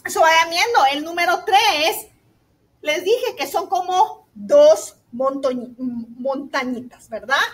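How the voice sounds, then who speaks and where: A woman teacher giving a remote lesson to young children, slow, sweet and encouraging, asking "ok?" often and mixing in English words. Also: high-pitched. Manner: mixes in English words like "so" and "all right".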